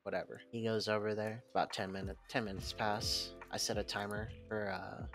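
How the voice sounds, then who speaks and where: A man's voice: fairly low pitch, flat delivery, normal speed, gravelly, a bit bright. A man, a former hotel night clerk, telling blunt, rambling stories about his old job in a casual vlog. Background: background music.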